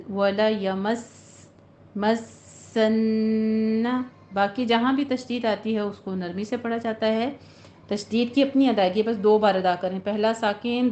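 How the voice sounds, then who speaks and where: A woman teaching tajweed, reciting verses slowly and then explaining each recitation rule in brisk speech. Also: medium pitch, darkish tone. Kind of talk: tajweed lesson with slow recitation. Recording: dull lo-fi recording with faint noise.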